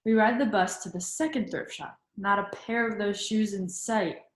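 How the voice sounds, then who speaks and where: A medium-pitched female voice, sounding roomy, reads from a children's picture book. Her style is that of an instructor, and she pauses regularly to prompt the little listeners with questions about the story.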